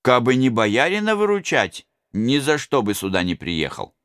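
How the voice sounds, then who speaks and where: A man's voice: mid-range voice, huge pitch swings, moderate pace, a bit bright, clear, resonant tone, no echo, studio quality. A man voicing an agitated middle-aged male servant, superstitious and blustering, with folksy exclamations.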